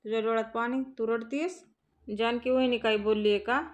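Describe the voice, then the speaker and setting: A woman's voice: fairly high pitch, fairly even intonation, brisk, lightly acted. A woman voicing a scheming young daughter-in-law who coaxes and plots in a story recap. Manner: plotting, coaxing.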